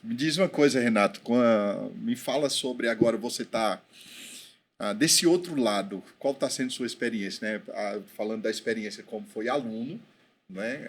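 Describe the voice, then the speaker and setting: A man's voice: lowish voice, slightly rough. A man hosting a podcast interview, asking questions with friendly fillers. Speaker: podcast host.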